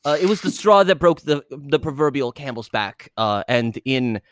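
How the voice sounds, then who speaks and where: A man's voice: mid-range voice, animated, normal speed, fairly bright tone. Stammering, flustered man in his thirties. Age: 30s. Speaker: comedy interview guest. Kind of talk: improvised comedy interview.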